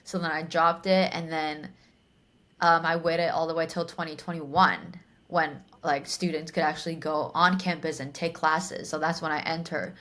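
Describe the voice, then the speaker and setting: A woman's voice: low-pitched, fairly even intonation, normal speed, a bit bright. A young woman in her twenties from Taiwan, answering interview questions in a chatty, casual way with many fillers. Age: 20s. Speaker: guest, DJ and producer.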